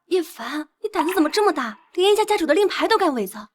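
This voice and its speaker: Earnest young heiress, loyal, pleading, high voice. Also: female voice, sing-song, fast talker. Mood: worried.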